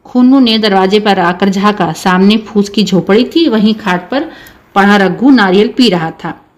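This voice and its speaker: A woman teacher reading a short story aloud in a steady storytelling way. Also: medium pitch, a little slow.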